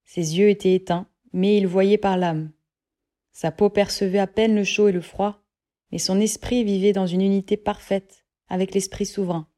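A woman narrating a literary audiobook in a measured, even reading voice. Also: mid-range voice.

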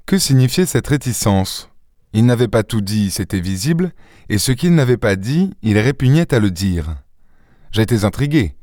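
A man reading a short story aloud in a measured, even storytelling manner. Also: lowish voice, no echo, clean studio sound. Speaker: audiobook reader. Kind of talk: scripted narration.

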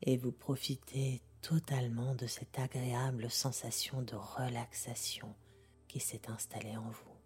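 A woman narrates a guided sleep meditation in the manner of a bedtime storyteller. Her voice is very deep for a woman and breathy, often sinking into a half-whisper. She speaks slowly and gently, leaving calm pauses between phrases. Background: music.

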